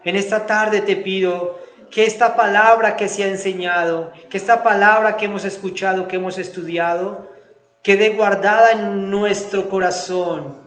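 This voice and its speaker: High-pitched pastor guy preaching slow, echoey church room, gets loud then prays soft. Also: steady tone. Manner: preaching with rising emphatic bursts, then quiet fervent prayer. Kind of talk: sermon and spoken prayer.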